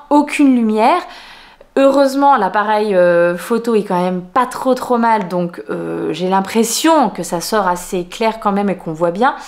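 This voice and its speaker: A woman hosting a knitting video podcast, talking casually at home with many fillers and restarts. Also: fairly high pitch. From France. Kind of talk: casual chat.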